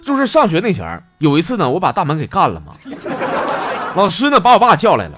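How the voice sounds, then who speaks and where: A man's voice: sits high, wildly swooping pitch, fast, background noise. A man with a Northeastern Chinese accent who hosts a comedy podcast and tells jokes in a chatty, teasing way, laughing at his own jokes. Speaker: podcast host. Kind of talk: comic joke-telling monologue. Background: music.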